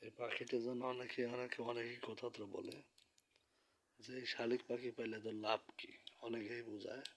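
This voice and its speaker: A man quietly narrating a late-night home vlog about his pet bird, speaking softly so the neighbors can sleep. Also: mid-range voice, flat delivery, fairly quick. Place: indoors at home, in bed.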